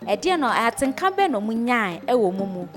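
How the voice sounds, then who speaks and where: A woman presenter narrating a news report in a clear, steady and emphatic way. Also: on the high side, moderate pace, music in the background.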